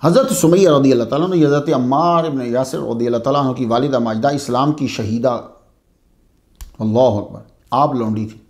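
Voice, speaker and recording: A man's voice: mid-range voice, a little fast, darkish tone, echoey room. A man giving a religious lecture to students, asking rhetorical questions and then answering them, and repeating key terms to explain them. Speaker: religious teacher.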